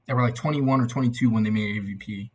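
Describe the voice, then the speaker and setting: A young man giving a casual, tipsy album reaction in a loose, meandering, slightly husky way. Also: medium pitch, fast talker. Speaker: amateur music reviewer.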